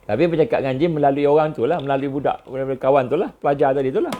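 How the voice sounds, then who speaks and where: A man with a Malaysian Malay accent giving a religious lecture, telling stories with lots of repetition and a voice that jumps high on key points. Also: creaky, phone-quality sound, a little hiss or hum.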